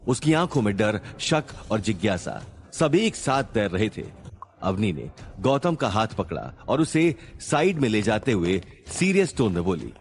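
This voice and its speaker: Man, dramatic narrator, lively pitch, suspenseful storytelling. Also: measured pace, breathy edge.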